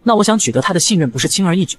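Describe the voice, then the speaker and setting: A whiny, fawning young disciple who schemes to survive, as a man narrating a manga recap puts him on. He talks fast in a light, fairly high voice, recorded close and dry. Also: animated, dry recording.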